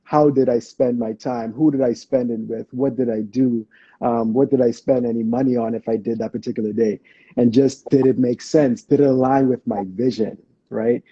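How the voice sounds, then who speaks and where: A man's voice: mid-range voice, fairly even intonation, moderate pace, dark tone, slightly rough, dry recording, highs cut off. A man from the Bahamas hosting a podcast, affirming and reflective, often praising his guest in casual interview chat. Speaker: podcast host.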